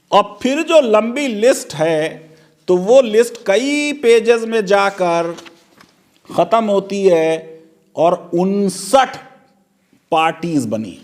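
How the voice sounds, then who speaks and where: A man's voice: high-pitched, darkish tone. A man giving legal commentary and poking fun at a court petition with sarcastic rhetorical questions.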